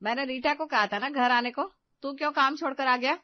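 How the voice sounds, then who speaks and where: A woman's voice: sits high, a little fast, dry recording, natural voice. A woman playing a commanding older mother-in-law who runs the house in a cartoon story. She talks bluntly and expects to be obeyed. The sound is dull and lo-fi, and dry. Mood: bossy.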